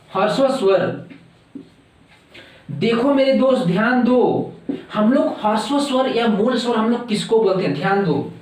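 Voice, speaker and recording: A man's voice: high voice, a little mellow, far from the mic. A man teaching a competitive-exam grammar lesson, repeating words and telling viewers again and again to note it down. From India. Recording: echoey room, voice off-mic.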